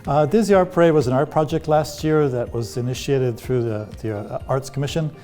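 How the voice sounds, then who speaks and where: A middle-aged man from Ireland who is an artist in residence, speaking in an interview in a hesitant, halting way with many fillers. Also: mid-range voice, warm tone, soft background music.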